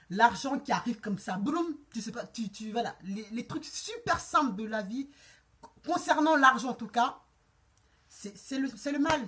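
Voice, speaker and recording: A woman telling a storytime vlog, animated and often breaking into laughter as she talks to her viewers. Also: a little high, a little hiss or hum. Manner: addresses viewers directly. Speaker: vlogger.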